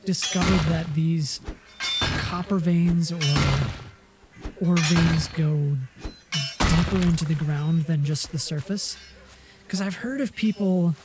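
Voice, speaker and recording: A man streaming a game, chatting casually and correcting himself as he goes. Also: on the high side. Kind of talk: casual gaming chat. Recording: noisy game audio.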